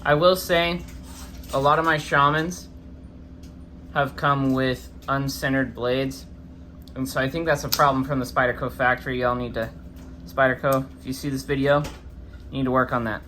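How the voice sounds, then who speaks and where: A man's voice: mid-range voice, steady tone, moderate pace, long pauses, pushed and bright, a little hiss or hum. A man hosting a casual, chatty product review, his speech slightly impeded by a swollen face after having wisdom teeth out. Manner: informal, chatty. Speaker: host of a knife review channel.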